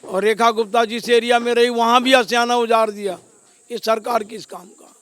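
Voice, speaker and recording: A protesting resident shouting angrily outdoors at a demolition site. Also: male voice, extremely high pitch, steady tone, normal speed, clean tone, dry recording. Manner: loud angry shouting.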